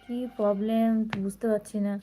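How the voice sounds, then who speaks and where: A woman's voice: mid-range voice, level tone, moderate pace, over music. A young woman from West Bengal with a sore throat, chatting casually on a live stream and greeting viewers by name. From West Bengal, India.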